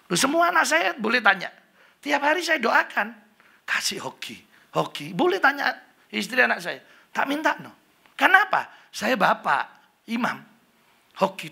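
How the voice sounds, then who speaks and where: A man's voice: very high-pitched, big pitch swings, moderate pace, creaky, sharp tone, slightly rough. A middle-aged man preaching a humorous sermon in a church, chatty and joking. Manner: chatty, joking, slips into Javanese, mimics Chinese greetings. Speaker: pastor. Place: church hall.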